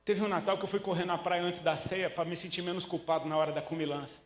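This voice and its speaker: A Brazilian man preaches with a somewhat high, lively voice and tells stories in casual slang, acting out what his characters say. The sound rings in a roomy echo. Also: quick pace. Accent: Brazilian Portuguese. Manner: animated storytelling, slangy, acts out quotes. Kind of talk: sermon.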